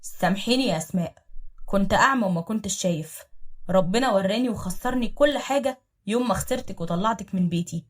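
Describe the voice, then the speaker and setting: This is a weary husband full of regret, read by a woman in her own voice, tired and resigned in an audio story. The Egyptian Arabic is quick and slightly husky. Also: mid-range voice, lightly acted. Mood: regretful.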